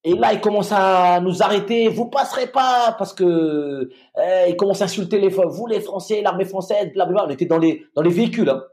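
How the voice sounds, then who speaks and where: A middle-aged former soldier with a fairly high voice recounts his military experience in a relaxed, conversational way. His telling is halting, with frequent restarts and fillers, but he pushes on with vivid detail.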